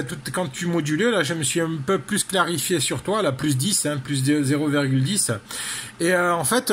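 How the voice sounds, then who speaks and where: Clear background noise sits behind this man's high, slightly bright voice. He's an amateur radio operator speaking in a casual yet technical way, halting and rambling, constantly repeating tag words.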